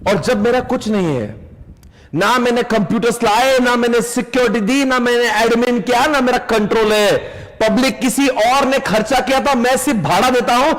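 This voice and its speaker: A man giving an energetic exam-prep lecture, coaxing students to chant key terms with him, mixing English into his talk. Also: extremely high pitch, normal speed, long reverb tail. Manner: animated, coaxes students to chant along and shouts keywords; mixes English into Hindi, jokes with listeners.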